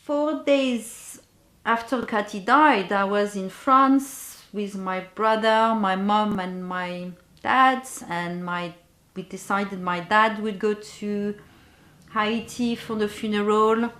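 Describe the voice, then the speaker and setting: A woman who works as a bereavement guide tells a personal story to the camera, slowly and reflectively, often pausing to search for words. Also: medium pitch, a bit bright. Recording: roomy echo.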